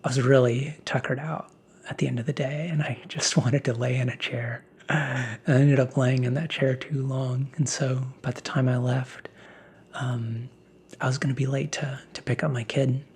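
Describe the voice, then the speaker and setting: A man speaking in a soft, half-whispered ASMR pep talk, breathy and reflective, as if musing aloud. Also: medium pitch, level tone, moderate pace, slight background noise. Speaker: ASMR host.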